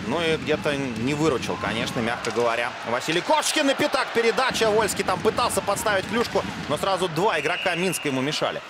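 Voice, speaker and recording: A man's voice: on the high side, animated, fast, few pauses, noisy background. A man giving live play-by-play commentary on a televised hockey game.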